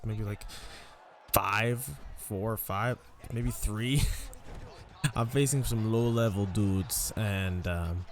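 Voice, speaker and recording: A man's voice: medium pitch, a little mellow. A young man hosting a gaming channel, rambling tiredly and casually through his game commentary, swearing now and then and yawning. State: sleepy, yawning.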